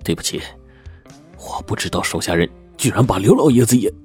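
A man's voice: lowish voice, lively intonation, brisk, a little mellow, soft background music, natural voice. A man playing a scheming intelligence chief. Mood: pleading. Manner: urgent, pleading then cold. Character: scheming male intelligence chief, middle-aged.

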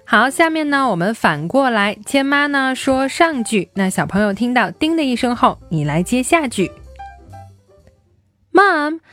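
Lively woman teaching children English. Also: a little high, faint music behind. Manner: slow, drilled repetition of English words.

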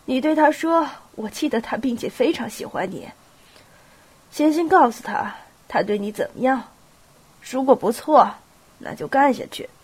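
A woman's voice: sits high, husky. A woman with a cold voicing a stern, abrupt elderly prince who gives clipped orders. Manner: curt, clipped commands, bursts into shouting. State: has a cold.

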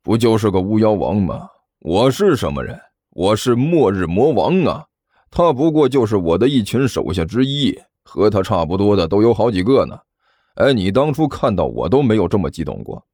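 A man's voice: lowish voice, big pitch swings, normal speed, darkish tone, no room sound, clean studio sound, pitched below the performer's own voice. A man doing a lazy, smug demon king. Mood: irritated. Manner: drawling, dismissive.

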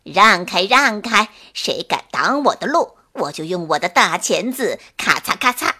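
A woman's voice: mid-range voice, expressive, measured pace, voice pushed down. A woman voicing an arrogant, boastful male scorpion in a children's bedtime story. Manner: loud, boastful, taunting.

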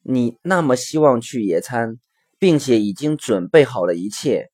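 A man's voice: medium pitch, animated, normal speed, darkish tone, breathy edge. A man voicing a father who lectures his upset young son. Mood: gentle. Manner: lecturing and impatient, then soothing and understanding.

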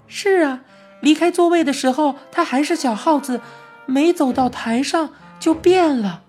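Woman doing a high eager little girl. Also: a little slow, faint music behind. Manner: eager and bright. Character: bold lively young girl, protective friend.

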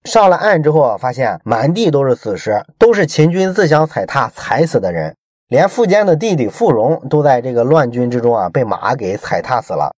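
A man's voice: mid-range voice, very animated, moderate pace, a little mellow, no echo, clean studio sound. A man explaining a book in a chatty storytelling way, with many rhetorical questions to the listener. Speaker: book commentator.

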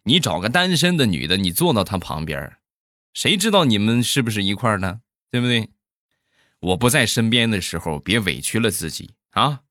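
A man's voice: on the low side, sing-song, brisk, bright, forceful tone, voice pushed up. A man putting on a teasing, scolding wife.

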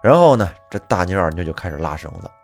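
A man telling a folk tale in a lively, colloquial manner with plenty of fillers. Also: low-pitched, racing. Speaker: storyteller. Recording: faint music behind.

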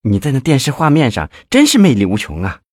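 A man's voice: medium pitch, huge pitch swings, fast talker, darkish tone, no echo, clean studio sound, voice pushed up. A man voicing a middle-aged male city mayor who sighs and complains wearily about his troubles. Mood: gloomy, sighing. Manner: sighing, complaining, weary.

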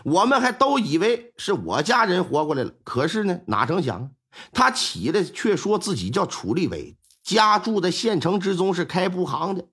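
A man doing a low-voiced old father in a storytelling show. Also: sing-song, normal speed, a bit bright, husky, heavily acted. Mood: explaining. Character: old man, a scoundrel's father, calm explainer.

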